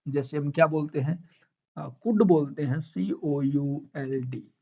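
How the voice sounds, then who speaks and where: A male English teacher gives a classroom lesson in a fairly high voice. He explains step by step, asking questions and then answering them himself. The recording sounds dull and lo-fi. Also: takes it slowly, mellow.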